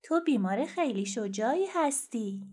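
A woman voicing a caring female nurse in a children's storybook, speaking quietly and soothingly. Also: on the high side, lively intonation, husky.

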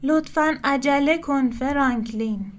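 Small snail from a storybook, slow pleading speech, tearful, high voice, read by a woman. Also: lightly acted.

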